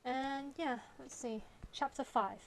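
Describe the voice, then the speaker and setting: On her vlog, a young Cantonese-accented writer reads aloud and thinks through ideas slowly, now and then lowering her voice to a whisper. Her high voice has a creaky quality, captured in a rough recording with a little background noise.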